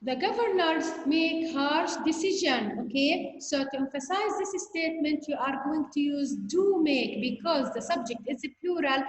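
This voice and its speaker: A woman's voice: high-pitched, moderate pace, few pauses, soft background music. A woman teaching an English grammar lesson, explaining patiently and often asking "okay?" to check understanding. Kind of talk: recorded online grammar lesson. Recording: echoey room, long reverb, faint noise.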